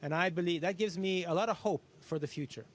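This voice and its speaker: A man's voice: sits high, quick pace. A man speaking as an astronaut in an educational question-and-answer talk, explaining things simply with everyday comparisons. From Canada. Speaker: astronaut guest answering students.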